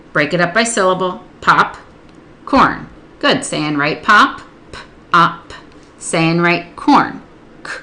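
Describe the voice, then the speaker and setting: Slowly and patiently, a woman who teaches literacy models words and sounds while explaining a spelling method one step at a time. She speaks in a lowish, somewhat bright voice.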